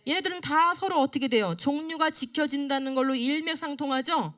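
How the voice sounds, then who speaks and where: A woman's voice: sits high, a little fast. A middle-aged woman giving a classroom lecture, asking the class questions and answering them herself. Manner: lively, rising and falling delivery. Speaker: creation science lecturer. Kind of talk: classroom lecture on a study book.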